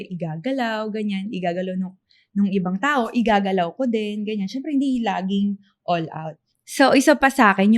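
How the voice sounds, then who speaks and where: A young woman in her twenties from the Philippines, co-hosting a podcast in casual chat, soft-spoken and hesitant. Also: medium pitch. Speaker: podcast co-host.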